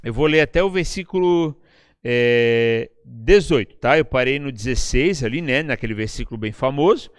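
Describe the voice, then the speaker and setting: Smooth-voiced Brazilian preacher, chatty. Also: male voice, mid-range voice, expressive, normal speed, no echo, studio quality. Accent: Brazilian Portuguese. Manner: chatty, tags lines with questions to the listeners. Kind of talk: conversational sermon teaching. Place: church service, live-streamed.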